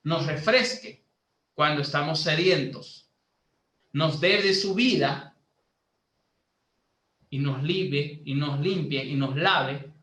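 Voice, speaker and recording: Slow, echoey Bolivian lay preacher. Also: male voice, a little high, sharp tone. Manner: slow, teaching tone with many fillers, rising to emphatic preaching. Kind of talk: sermon to a youth group.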